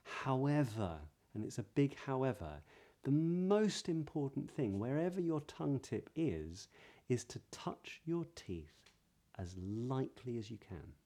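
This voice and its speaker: A British man giving a pronunciation lesson as a voice coach, explaining in a measured way and stressing key words. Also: medium pitch, very animated, warm tone. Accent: British English. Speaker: voice coach, video host.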